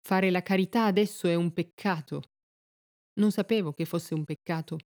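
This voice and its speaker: Woman doing a scared peasant woman, plaintive questions, warm low voice. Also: normal speed, no echo, clean studio sound, lightly acted. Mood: bewildered. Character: simple, frightened peasant woman.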